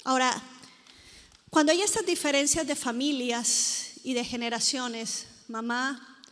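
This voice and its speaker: A woman pastor preaching at a conference, telling stories with lively, acted-out quotes. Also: high-pitched, unhurried. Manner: lively storytelling, acting out quoted people. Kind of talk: sermon. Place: conference hall before a live audience. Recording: echoey conference hall.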